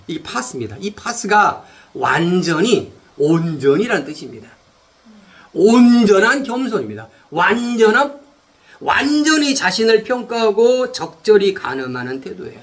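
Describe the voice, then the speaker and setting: A male pastor with a high, animated voice preaches a sermon. He repeats key words and answers his own questions, swinging from loud emphatic lines to quiet low ones.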